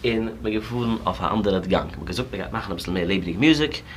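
A man's voice: lowish voice, animated, rapid-fire, slight background noise. A man telling a rambling personal story in a casual interview, jumping between languages and laughing often.

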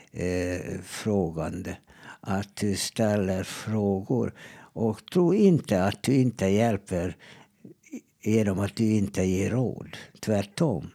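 A middle-aged man, a therapist, talking in a calm, measured way with frequent hesitations while giving advice in a casual conversation. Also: fairly low pitch, breathy edge.

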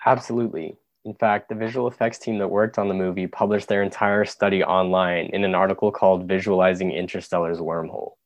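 A man plays a scholar who explains things in a deep, flat, measured voice. The recording is dry and close. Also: no room sound. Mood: explaining. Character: male science scholar guest.

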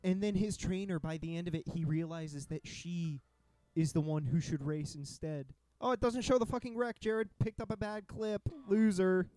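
A young man co-hosting a podcast, rambling and excitable in casual chat, swearing often. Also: sits high, normal speed, dry recording. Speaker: podcast co-host.

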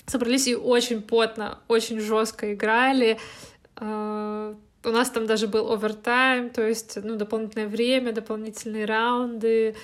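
A woman co-hosting a podcast, telling things in an animated, slangy, conversational way. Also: on the high side, normal speed. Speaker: podcast co-host. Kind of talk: casual chat.

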